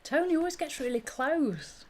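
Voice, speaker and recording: A woman's voice: high-pitched, big pitch swings, normal speed, darkish tone. Casual woman co-hosting live bingo. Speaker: co-host checking bingo cards. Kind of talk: casual live-stream chat.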